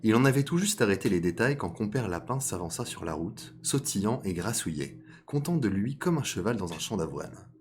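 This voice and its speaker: A man's voice: fairly low pitch, expressive, fairly quick, a little hiss or hum. A man streaming a live reading of a folk tale, stopping now and then to comment on his character voices.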